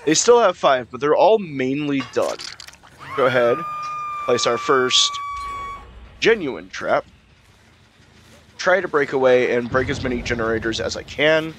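A man's voice: mid-range voice, animated, a little slow, long pauses, noisy background. A young man casually commenting on his own gameplay, swearing and talking to himself as he plays. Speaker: gaming YouTuber.

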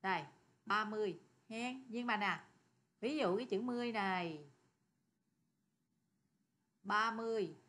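A woman explains code step by step, with a bright, clear tone pitched a little high. She talks in a chatty way and keeps turning to her students with questions. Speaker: programming teacher. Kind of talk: screen-recorded coding lesson.

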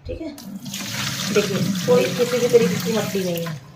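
A woman with a highish voice casually narrates her home cooking vlog at a moderate pace, explaining each step to viewers from her home kitchen. The audio is very noisy and echoey, with the mic placed far away.

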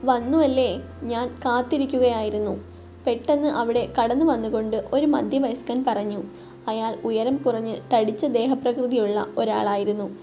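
A woman reading a literary short story aloud in steady, measured narration. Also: on the high side. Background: soft background music.

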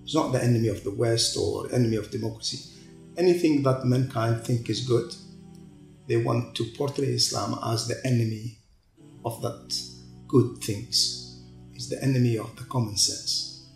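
A gravelly-voiced middle-aged man from Tunisia answers interview questions in a measured, pausing way. The sound carries the echo of a large room, and faint music runs underneath. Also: mid-range voice. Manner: measured, pausing speech with repeated restarts. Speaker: guest, TV channel executive. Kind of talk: sit-down interview. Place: large open-plan office.

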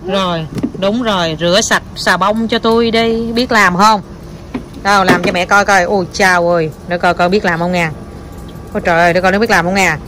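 A mother chatting with her small child in a home vlog, animated and coaxing, with English words mixed into her talk. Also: mid-range voice, moderate pace, background noise. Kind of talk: casual home vlog chat.

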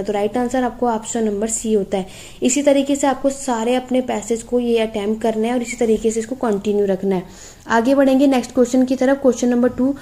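A young woman teaching an exam-prep lesson. She explains patiently, checks in often with her students, and reads English passages slowly before explaining them. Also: a little high, dark tone.

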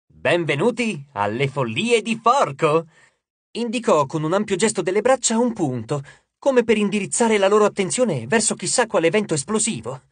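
A man narrating an audiobook in an expressive, lively storytelling manner, recorded in a studio. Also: high-pitched, fairly quick, breathy edge, no room sound. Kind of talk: scripted narration.

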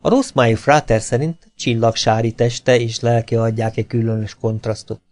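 A man narrating an audiobook with a measured, expressive reading. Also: mid-range voice.

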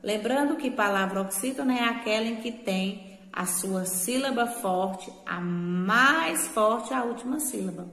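A Brazilian woman teacher giving a remote lesson, talking patiently, repeating words slowly and checking in with short tag questions. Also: a little high. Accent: Brazilian Portuguese. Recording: echoey room with long reverb.

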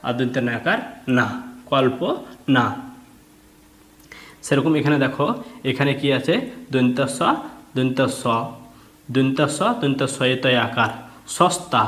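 A man's voice: medium pitch, a bit bright. A man teaching a reading lesson, patiently spelling words out letter by letter and then blending them. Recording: echoey room.

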